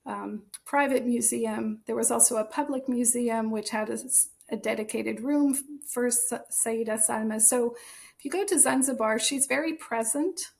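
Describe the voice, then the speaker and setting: As a guest in an interview, an American woman who works as an author and translator talks at normal speed in a creaky, slightly mellow voice on the high side. Her explanations are articulate and conversational, with emphatic stresses.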